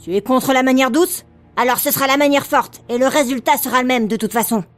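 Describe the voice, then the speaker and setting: A woman's voice: high voice, brisk, soft background music, voice pushed up, lightly acted. A woman voicing a hulking teenage boy who leads a gang, with a hard, commanding and threatening way of speaking.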